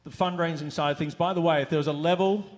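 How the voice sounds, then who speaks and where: A man with an Australian accent working as an auctioneer at a gala, calling bids in a booming, rhythmic, playful way into a handheld mic in a hotel ballroom. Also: steady tone, fast talker. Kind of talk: live charity auction calling.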